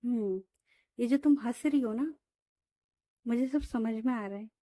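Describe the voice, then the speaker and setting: A woman's voice: fairly high pitch, unhurried, mellow, no echo, clean studio sound, close to an everyday voice. A woman voicing a shy young woman in love who scolds her partner in a coy way.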